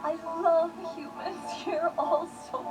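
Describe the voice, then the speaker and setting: A woman voicing a playful, expressive female character in an animated cartoon. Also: very high-pitched, slow pace. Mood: playful, amused. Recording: distant television playback with music.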